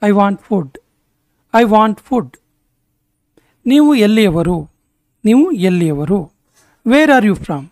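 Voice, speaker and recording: A woman teaching English. She reads each sentence twice, slowly and deliberately. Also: medium pitch, very animated, darkish tone, dry recording, studio quality. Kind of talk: language lesson, reading sentences aloud.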